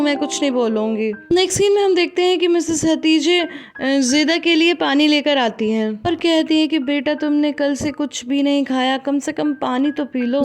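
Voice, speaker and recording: A woman hosting a drama recap, retelling the story in a casual, conversational way and speaking directly to viewers. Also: high-pitched.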